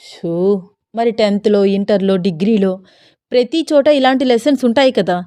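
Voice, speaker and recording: A woman's voice: fairly high pitch, normal speed, dark tone, no room sound, studio quality, close to an everyday voice. A woman voicing a teasing, eager young husband who scolds playfully.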